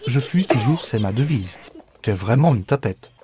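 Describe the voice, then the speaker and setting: A man's voice: medium pitch, animated, normal speed, background noise, natural voice. A man voicing a cheeky, boastful pet ferret in a playful, mock-dramatic comic voice-over.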